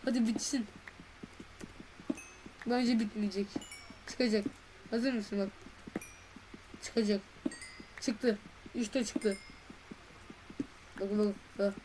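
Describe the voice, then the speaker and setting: A woman giving casual commentary while playing a game, chatty and excitable, talking to her viewers in a playful, slangy way. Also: mid-range voice, drawn-out words, long pauses, noisy background. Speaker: gaming video creator.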